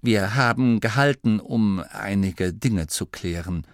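A man voicing a steady young male gnome leader who speaks in a calm, reassuring way, a little above his own voice. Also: fairly low pitch, slow pace, no room sound, studio quality.

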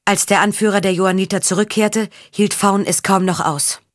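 A woman reading a historical novel aloud with steady, measured narration. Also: medium pitch, no room sound, studio quality. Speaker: audiobook narrator. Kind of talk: scripted narration.

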